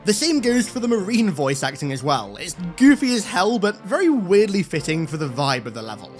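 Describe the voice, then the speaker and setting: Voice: mid-range voice, very animated, brisk, faint music behind. An enthusiastic video host giving scripted game commentary in an emphatic, hyperbolic way.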